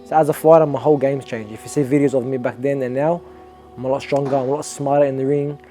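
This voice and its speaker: A man's voice: mid-range voice, fairly even intonation, fast, warm tone, soft background music. A young Australian man, an amateur boxer, talking earnestly and reflectively in a documentary interview, often restarting his sentences.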